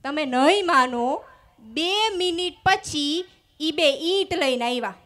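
A woman's voice: sits high, animated, takes it slowly, a bit bright. A woman doing stand-up comedy on stage into a microphone, telling stories with acted-out dialogue and punchlines. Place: stage before a live audience.

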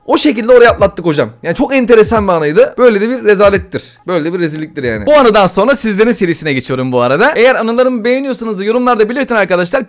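A young man telling embarrassing stories as a comic monologue, slangy and animated. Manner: animated, slangy, quick comic storytelling with swings in pitch.

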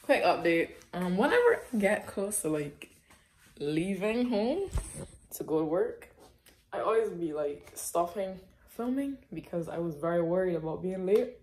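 A woman's voice: fairly low pitch, animated, unhurried, darkish tone, a little hiss or hum. A young woman in casual vlog chat, talking upbeat and loose with lots of fillers into a phone camera in her apartment. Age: young adult. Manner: chatty, filler-heavy, upbeat. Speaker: vlogger. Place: small apartment indoors. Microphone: phone camera at arm's length.

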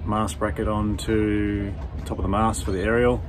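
Narrating his sailing vlog from a boat in a marina, this man has a lowish voice that stays fairly flat and moves at a normal speed. His delivery is matter-of-fact, weary and wry, shot close up on a handheld camera, with outdoor wind and background noise on the track.

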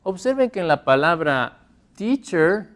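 Male teacher, native Spanish speaker, unhurried careful delivery, classroom lesson with repetition. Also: sits high, sing-song. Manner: slow, careful modelling of English phrases with repetition. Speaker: English teacher. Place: classroom with a board.

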